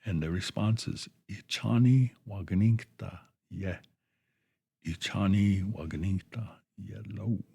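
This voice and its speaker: Slow, gravelly-voiced man teaching a language. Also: fairly low pitch, mellow. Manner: slow, patient drilling, repeating each phrase twice. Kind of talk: radio language lesson.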